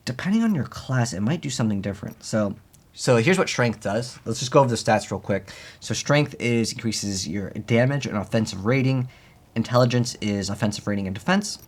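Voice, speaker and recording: A man's voice: lowish voice, vocal fry, slightly rough. A man giving casual, rambling, conversational gameplay commentary as the host of a gaming video. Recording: game music behind the voice. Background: video game music.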